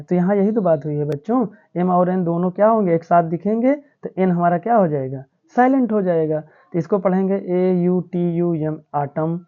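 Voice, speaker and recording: Woman teacher, lowish voice, patient and repetitive, classroom lesson, tinny phone-like sound. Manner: patient, repetitive, addresses students as children. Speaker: English teacher. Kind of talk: classroom lesson explaining spelling rules.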